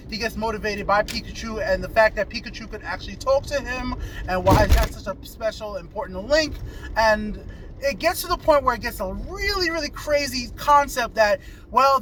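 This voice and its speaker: The reviewer's voice sits high and a bit bright as he casually and enthusiastically rambles through his movie review. Traffic and other ambient noise are audible throughout.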